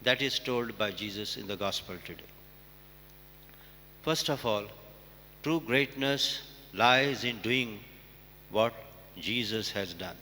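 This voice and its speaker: Priest with a bright cathedral echo. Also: male voice, on the low side, slight background noise. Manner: slow, deliberate preaching. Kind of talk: Mass gospel reading and homily. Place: large church. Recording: long church reverb.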